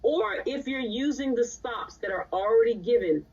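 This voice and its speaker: A woman's voice: a little high, normal speed, darkish tone, husky. A woman teaching a live recitation class in a conversational way, often checking in with her students. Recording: distant, dull lo-fi sound.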